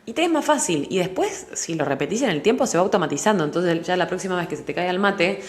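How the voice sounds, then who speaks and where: Young argentine-sounding woman rattling on fast about stuff, low voice, rioplatense accent, kinda echoey room. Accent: Rioplatense Spanish. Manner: animated, explaining with everyday examples. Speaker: podcast host. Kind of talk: casual solo podcast talk.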